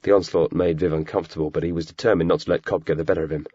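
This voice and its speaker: A man with a very low voice reads an audiobook aloud, expressive and lively as he carries the story. The recording is dull and lo-fi with a dry, close sound. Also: rapid-fire, breathy edge, dry recording. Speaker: audiobook narrator. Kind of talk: audiobook reading.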